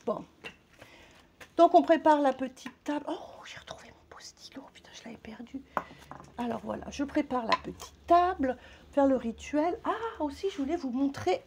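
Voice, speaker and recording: A woman's voice: fairly high pitch, darkish tone, slight background noise. A woman with a French accent chatting casually to camera as a vlogger, rambling and swearing lightly, a little out of breath.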